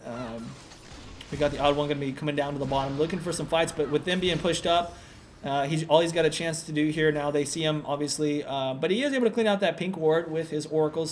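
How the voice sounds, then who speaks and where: A man giving solo play-by-play commentary on a video game, relaxed and analytical with frequent fillers. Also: on the high side, a little hiss or hum. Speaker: esports commentator.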